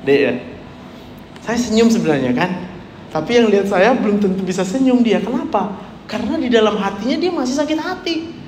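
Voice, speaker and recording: A man preaching a chatty sermon, teasing the congregation and swinging from hushed to loud. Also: sits high, expressive, brisk. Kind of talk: conversational sermon. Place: church hall. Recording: echoey hall with faint room noise.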